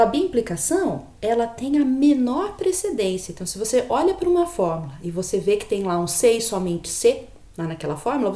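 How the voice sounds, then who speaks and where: A woman's voice: on the high side, warm tone, reverberant. A woman giving a logic lecture, patiently explaining and often checking in with her students. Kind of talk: recorded online lecture.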